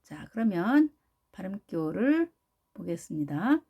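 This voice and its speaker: A woman teaching an English phonics lesson, patiently repeating each model word slowly. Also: mid-range voice, sing-song, breathy edge, lo-fi sound.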